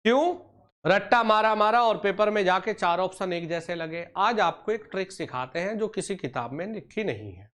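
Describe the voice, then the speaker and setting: A man with a high, animated, slightly bright voice teaches an online exam-prep lecture. He's fond and teacherly, calling students "beta" and "pyare bachche," scolding and coaxing by turns. He draws out key terms with slow emphasis.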